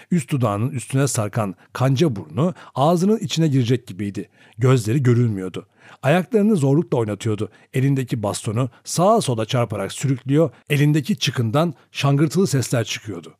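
A man reading a novel aloud as narrator, in an expressive, dramatic storytelling manner. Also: mid-range voice, breathy edge, no room sound, clean studio sound. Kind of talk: audiobook narration.

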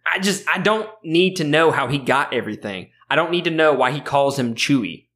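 A man's voice: a little high, expressive, a little fast, a bit bright. Blunt, foul-mouthed podcast man. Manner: blunt, heavy swearing. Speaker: podcast co-host. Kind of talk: casual chat.

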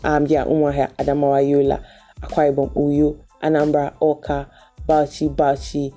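A young woman with a Nigerian accent tells a story to her vlog viewers in a lively, expressive way. Her voice sits a little low and sounds mellow and warm. Faint music plays underneath. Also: normal speed. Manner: animated, expressive, talks straight to viewers. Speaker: vlogger.

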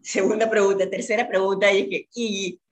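A woman's voice: mid-range voice, steady tone, moderate pace. Earnest woman telling her story. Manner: earnest, repeats words for emphasis. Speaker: guest. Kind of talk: emotional personal storytelling.

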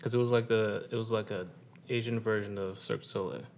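A man's voice: fairly low pitch, fairly even intonation, quick pace, gravelly, a little mellow, a little hiss or hum. A young man bantering casually with a friend in slangy, laid-back frat-bro talk.

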